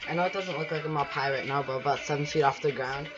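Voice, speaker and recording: A man's voice: a little high, fast, muffled recording. A young man casually narrating a voice-over about cleaning his sailboat, rambling with lots of fillers and restarts. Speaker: sailing vlogger narrating his boat work. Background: background music.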